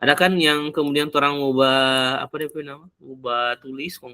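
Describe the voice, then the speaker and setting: A man explaining in casual talk, often pausing to search for words. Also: mid-range voice, steady tone, sharp tone, clean tone, no echo. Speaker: speaker explaining AI tools for learning English.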